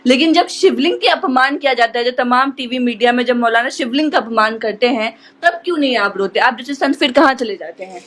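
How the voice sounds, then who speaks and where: A woman's voice: fairly high pitch, fairly quick, hardly any pauses, a bit bright. A woman anchoring a television debate who puts pointed, challenging questions to her guest.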